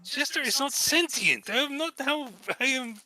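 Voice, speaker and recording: A man's voice: extremely high pitch, expressive, normal speed, a crowd in the background. A man playing a tabletop role-playing game, who describes his character's actions in long, detailed explanations. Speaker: player. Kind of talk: casual tabletop role-play.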